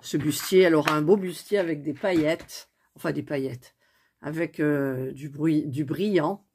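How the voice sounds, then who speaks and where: A woman chatting softly as she stitches at home, thinking aloud in a casual cross-stitch tutorial recorded on a phone on a stand. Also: sits low, normal speed, slight background noise. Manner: speaks softly near the phone. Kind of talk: casual craft tutorial chat.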